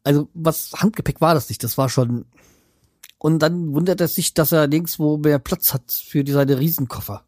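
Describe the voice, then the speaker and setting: His pitch is fairly high and his tone darkish, and he talks at a moderate pace in a clean studio recording with no room sound. The speaker is a vlogger from the Hanau region, rambling casually to viewers at home, trailing off, restarting, and filling gaps with fillers.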